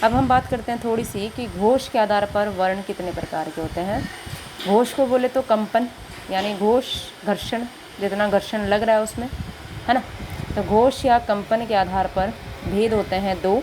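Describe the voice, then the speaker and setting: A woman's voice: medium pitch, moderate pace, noisy background. A woman teacher giving a grammar lesson to children, patiently asking questions and answering them herself. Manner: patient, asks and answers her own questions.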